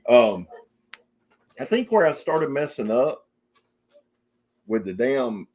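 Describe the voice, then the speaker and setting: A man from the Jacksonville, Florida area hosts an outdoor channel on a live stream, chatting casually, reading viewer comments, and greeting people by name in a rambling, folksy way. His mid-range voice is darkish and very animated, and he takes it slowly.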